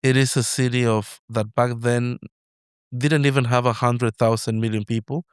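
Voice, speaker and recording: A Mexican-accented man hosts an interview podcast, leading into his questions with long personal stories. His voice is smooth and resonant. The sound is close and dry. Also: mid-range voice, level tone, normal speed, no echo. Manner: expansive, storytelling questions. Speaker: podcast host. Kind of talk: casual interview.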